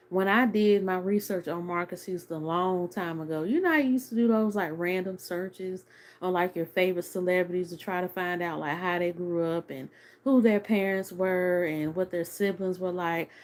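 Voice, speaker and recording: A woman in her thirties, with a lowish and slightly mellow voice, talks to the camera in a casual video review. She's chatty and earnest, full of opinions, and sprinkles in fillers like "like" and "you know."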